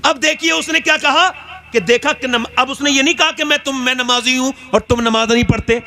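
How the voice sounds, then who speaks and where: Male preacher, very high voice, lively storyteller delivery, sermon setting. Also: a little fast. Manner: animated storyteller, pitch swinging widely. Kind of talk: religious storytelling talk.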